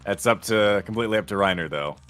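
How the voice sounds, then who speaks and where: A male game master with a fairly low voice, narrating a tabletop adventure in measured, formal phrases. Soft music plays behind him.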